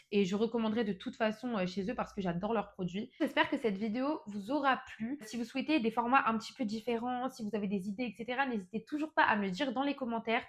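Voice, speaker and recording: A young woman with a French accent talks through an unboxing in a relaxed, chatty way. Her voice sits a little on the high side. She gushes over each product and fills her pauses with casual hesitations. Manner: enthusiastic, chatty, frequent fillers. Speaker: nail product vlogger.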